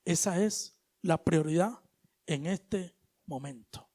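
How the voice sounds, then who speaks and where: Guy preaching, pretty high voice, slangy, goes loud then quiet. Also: slow pace. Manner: animated, swinging between loud exhortation and hushed asides; colloquial, uses street slang. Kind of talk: sermon.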